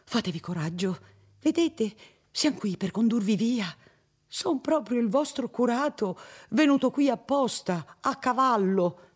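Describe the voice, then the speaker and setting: A man's voice: very high voice, lively intonation, measured pace, slightly rough, voice pushed up, heavily acted. Don Abbondio, a flustered timid priest, as a man voices him. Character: nervous timid middle-aged village priest.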